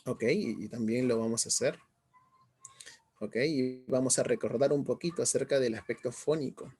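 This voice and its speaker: A man's voice: mid-range voice, normal speed, darkish tone, breathy edge. A middle-aged male teacher giving an online class, often asking students questions and checking in as he explains. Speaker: language teacher.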